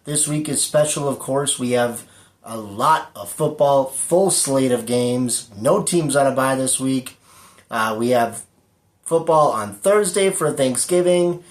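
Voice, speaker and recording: A man hosts his own football prediction show as casual solo sports talk, full of fillers and with a dry, sarcastic streak. His medium-pitched voice is unhurried, in an echoey room.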